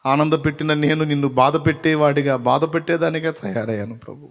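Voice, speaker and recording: A man's voice: a little high, quick pace, gravelly, long reverb tail. Impassioned pleading male preacher. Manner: pleading, swinging from hushed whispers to loud impassioned cries. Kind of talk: emotional prayer sermon.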